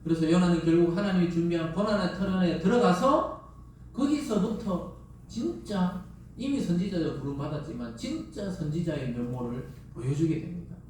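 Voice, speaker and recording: A man's voice: fairly high pitch, warm tone, a little hiss or hum. A middle-aged man preaching a Sunday sermon, emphatic and full of rhetorical questions to the congregation. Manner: emphatic, rises and drops sharply for stress. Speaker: pastor. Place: church sanctuary. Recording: echoey church sound from a distant mic.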